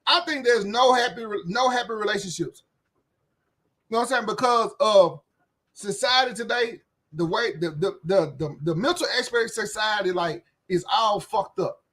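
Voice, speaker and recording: A Southern US man from Memphis, in his late thirties, rants casually for his YouTube audience outdoors on a windy day, bluntly and profanely, repeating himself and dropping "you know what I'm saying" often. His voice is high and fairly bright, at a moderate pace.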